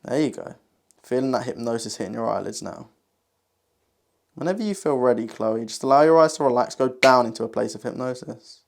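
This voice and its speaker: Slow, soothing male hypnotist. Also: mid-range voice, animated, vocal fry. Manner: slow soothing hypnotist delivery, repetitive, with pauses. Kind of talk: hypnotic induction, guided relaxation.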